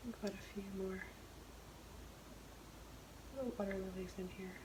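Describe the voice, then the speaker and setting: A woman giving a casual step-by-step painting tutorial as a gentle, easygoing instructor. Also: mid-range voice, steady tone, normal speed. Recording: roomy echo, faint background noise.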